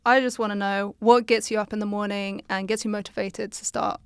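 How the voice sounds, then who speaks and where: A woman's voice: mid-range voice, level tone, fairly quick, vocal fry, clear, resonant tone, no room sound, soft background music. A woman hosting an interview, asking friendly, encouraging questions. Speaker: interviewer host. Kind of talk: conversational interview.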